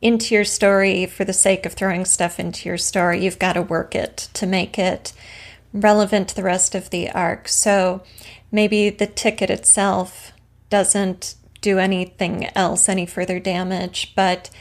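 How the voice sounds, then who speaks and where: Gravelly-voiced woman podcast co-host. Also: mid-range voice, flat delivery, a little slow. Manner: thoughtful, explains with examples. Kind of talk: casual craft discussion.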